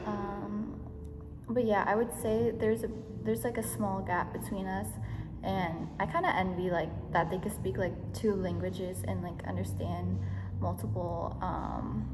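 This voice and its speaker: A young woman answering interview questions casually, hesitant and full of fillers, talking in loose run-on phrases. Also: medium pitch. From United States. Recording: echoey room with background noise.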